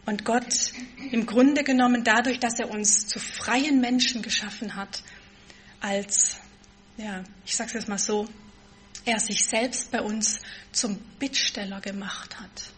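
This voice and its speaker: A woman preaching a sermon, stressing key words with force and then dropping to a soft, quiet tone. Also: on the high side, fairly even intonation, takes it slowly, slight background noise.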